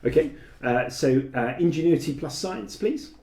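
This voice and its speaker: A man's voice: medium pitch, animated, moderate pace, darkish tone. A man running a tabletop game as game master, describing scenes and calling for dice rolls. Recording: echoey room.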